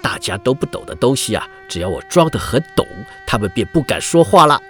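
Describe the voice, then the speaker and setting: A man's voice: fairly high pitch, wildly swooping pitch, moderate pace, faint music behind. A man voicing a sly male scholar who bluffs his way through with a smug, confiding manner.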